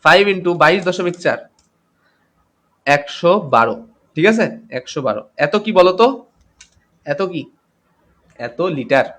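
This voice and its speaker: A man's voice: on the high side, lively intonation, measured pace, pauses often, a bit bright. A tired man teaching chemistry in a live online class, greeting students by name as he goes. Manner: reads out comments and greets students by name, mixes English terms. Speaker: chemistry tutor.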